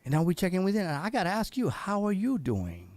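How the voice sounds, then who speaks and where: A man's voice: high voice, wildly swooping pitch, quick pace, darkish tone, no room sound. A man hosting a casual livestream interview over a video call, chatty and upbeat, often repeating words and restarting his sentences. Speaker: livestream show host.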